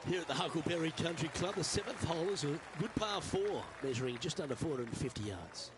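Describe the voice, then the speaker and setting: A man voicing a play-by-play golf commentator in a game, with a smooth, measured broadcaster delivery. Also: fairly high pitch, expressive, lightly acted. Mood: calm. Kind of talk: scripted sports commentary. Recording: commentary over crowd and course noise.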